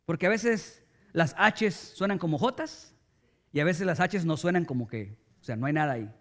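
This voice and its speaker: Man preaching, high-pitched voice, emphatic delivery, talks straight to the congregation. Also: expressive, normal speed. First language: Spanish. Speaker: pastor. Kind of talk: sermon.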